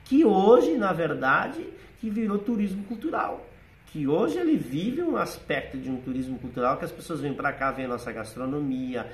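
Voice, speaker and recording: Slightly high and sing-song, this middle-aged man speaks at a moderate pace with a Rio Grande do Sul accent carrying a German-settler lilt from southern Brazil. He is a theater writer and actor appearing as a guest in a casual interview, telling reflective, nostalgic stories and saying "né" often.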